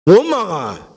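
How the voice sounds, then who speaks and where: A man's voice: sits high, a little mellow, lo-fi sound. A male pastor preaching a Sunday sermon, telling a story and asking the congregation questions.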